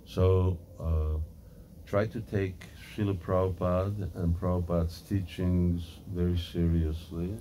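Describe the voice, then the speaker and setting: Deep, mellow man giving a sermon. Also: level tone, a little hiss or hum. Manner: halting, many fillers and pauses for translation. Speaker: spiritual teacher giving a class. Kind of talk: sermon with consecutive interpretation.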